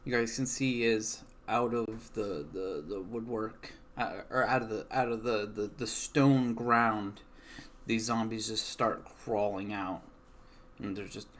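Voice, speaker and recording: A man improvising tabletop game narration as game master, casual and halting as he searches for words. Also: lowish voice, steady tone, fairly bright tone, a little hiss or hum.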